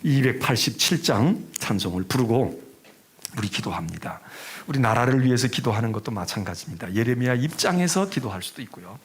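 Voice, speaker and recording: A man preaching a sermon as pastor, animated, often dropping into hushed whispers. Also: medium pitch, fairly quick, hardly any pauses, breathy edge. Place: church.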